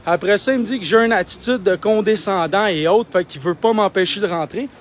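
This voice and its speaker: A man's voice: sits high, fairly quick. A young man with a Québécois French accent livestreaming on his phone outdoors, talking in an indignant, insistent, argumentative way. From Quebec. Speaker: independent livestreamer. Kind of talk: live street vlog. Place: outdoors outside a building.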